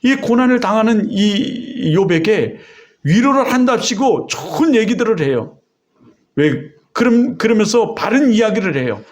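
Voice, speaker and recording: A man's voice: big pitch swings, unhurried. A man pastor preaching a sermon, telling a personal story with emotion and exhorting his congregation. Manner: emotional storytelling with vivid retold dialogue; exhorting and rising in pitch on key points.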